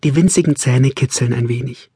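A man narrating a novel in a calm, measured storytelling manner, close on a studio mic. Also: mid-range voice, vocal fry, slightly rough, no room sound. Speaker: audiobook narrator. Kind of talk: scripted narration.

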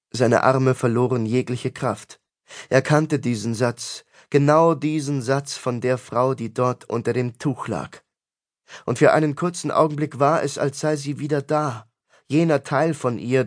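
A man narrating a fantasy audiobook in a measured, dramatic storytelling manner. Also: medium pitch.

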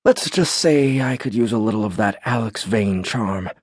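A man's voice: lowish voice, expressive, moderate pace, husky, no room sound, studio quality. A male narrator voicing a joking male courthouse security guard who teases in playful banter. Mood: teasing.

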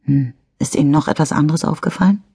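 A woman reading a calm, persistent female police detective who questions a witness firmly. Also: deep voice, fast, breathy edge, no echo, studio quality, exaggerated voice. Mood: probing. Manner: firm, probing questions. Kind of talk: audiobook character reading.

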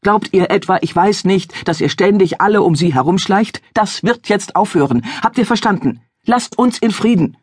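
A woman voicing a furious, grieving middle-aged village father who shouts, agitated and breathless with rage. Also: medium pitch, animated, moderate pace, few pauses, husky, no room sound, clean studio sound, voice pushed up.

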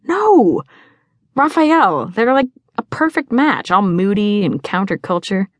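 A woman's voice: mid-range voice, very animated, measured pace, dry recording, voice pushed up. Woman doing a wry teenage girl, a bit raised. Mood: teasing. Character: wry teenage girl photographer, the friend Dolores. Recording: dry studio.

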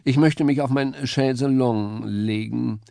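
A man's voice: mid-range voice, steady tone, measured pace, gravelly, mellow, dry recording, clean studio sound, voice pushed up. A man voicing a haughty, greedy house cat in a children's audiobook, speaking with arrogant drawl.

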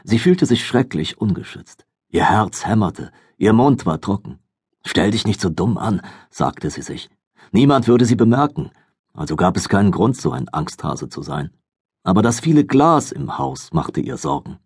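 A man narrating a fantasy audiobook in a calm, measured storytelling manner. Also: on the low side, breathy edge, no echo, studio quality.

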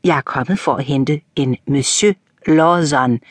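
A woman's voice: very deep voice, slightly rough, dry recording. A woman voicing an older, hesitant male coachman who stammers in an audiobook reading. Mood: puzzled.

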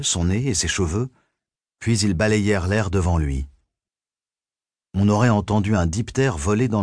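A man narrating a thriller audiobook in a measured, suspenseful reading. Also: on the low side, no room sound, studio quality.

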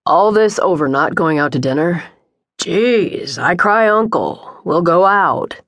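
A woman voicing a dismissive, irritable middle-aged husband, gruff and curt, in an audiobook. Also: fairly low pitch, lively intonation, slow pace, a bit bright, no room sound, studio quality, heavily acted. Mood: exasperated.

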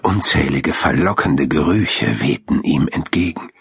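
A man narrating a children's storybook in a lively, expressive way. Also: extremely low pitch, a little slow, vocal fry, husky, no echo, studio quality. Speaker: audiobook narrator.

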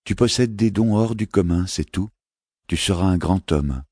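A man voicing a queenly mother who speaks gently and reassuringly, with a fierce edge underneath. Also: low voice, moderate pace, no room sound, studio quality, pitched above the performer's own voice. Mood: tender. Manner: gentle, reassuring, flaring sharply.

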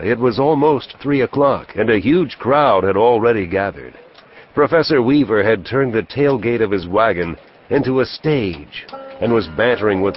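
A man's voice: on the low side, highs cut off. A man reading scripted story narration for an audiobook.

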